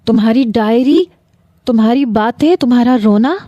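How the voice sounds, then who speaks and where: A woman's voice: fairly high pitch, dark tone, dry recording, highs cut off, natural voice. A woman voicing a desperate, obsessive young man in love, pleading and insistent.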